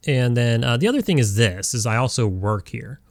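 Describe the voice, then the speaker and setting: While he plays a game, this Southern Californian streamer in his forties keeps up a rambling, casual chat packed with fillers and false starts. He speaks a little fast in an expressive, mid-range voice. The recording is dry.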